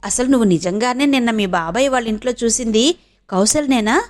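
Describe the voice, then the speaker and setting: A woman's voice: fairly high pitch, brisk, natural voice. A woman voicing a rustic middle-aged village mother who talks bluntly and impatiently in an audiobook. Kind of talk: audiobook character reading.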